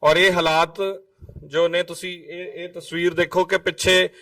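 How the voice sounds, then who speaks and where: A man's voice: high-pitched, level tone, normal speed, sharp tone, recorded from a distance. A man reporting from a flood-damaged house, earnestly describing the damage and asking questions. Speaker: reporter and interviewer. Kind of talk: field reporting.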